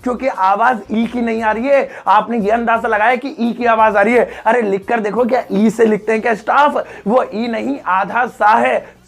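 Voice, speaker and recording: A man teaching an English grammar lesson, joking and teasing his students and drawing words out slowly. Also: very high voice, fairly even intonation, gravelly. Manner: joking, playful teasing of students, drawn-out slow-motion sounds.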